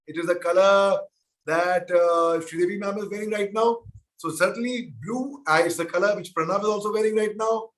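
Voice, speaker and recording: A man's voice: high-pitched, normal speed, a bit bright. A man answers children's questions over a video call. His manner is playful and teasing, and he speaks directly to each child by name.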